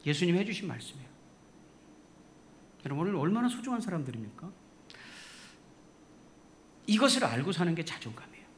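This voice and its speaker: Lively man preaching a sermon. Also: fairly high pitch, a little fast, long pauses, a little hiss or hum. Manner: animated storytelling with laughter. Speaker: pastor. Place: church sanctuary.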